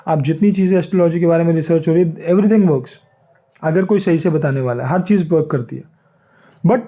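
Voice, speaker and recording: Higher-voiced man teaching astrology. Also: warm tone. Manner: conversational, repeats "ठीक है", many fillers and self-corrections. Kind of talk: explanatory lecture, Hindi mixed with English.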